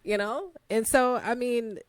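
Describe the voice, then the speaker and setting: Animated woman telling a story, dry sound. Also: fairly high pitch, unhurried, no echo. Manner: animated, laughs often, relaxed colloquial phrasing. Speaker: podcast co-host. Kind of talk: casual storytelling chat.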